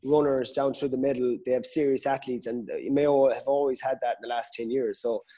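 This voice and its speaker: Brisk and mellow, his medium-pitched voice has a flat delivery. The Gaelic football pundit talks sport informally as a podcast guest, hesitant and prone to repeating words as he thinks.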